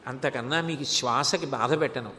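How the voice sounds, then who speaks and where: A man voicing the god Shiva as a humble, gentle divine scribe, speaking softly. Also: mid-range voice, normal speed, in a large hall, pitched below the performer's own voice, lightly acted.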